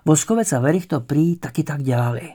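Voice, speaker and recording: A man voicing an eager, excitable schoolboy full of ideas, talking in a rushing way, in an audiobook. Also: fairly high pitch, natural voice.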